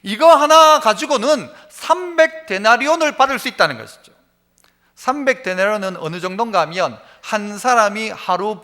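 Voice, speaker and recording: Male preacher in a church sanctuary, bright forceful tone, keeps quizzing the congregation. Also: high-pitched. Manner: asks the congregation rhetorical questions. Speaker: pastor. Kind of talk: sermon.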